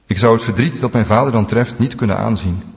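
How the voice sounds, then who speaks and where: A man's voice: fairly low pitch, fast, creaky, a little mellow. A man reading aloud as an adult brother pleading earnestly before a ruler, in a long church reverb. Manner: earnest, imploring.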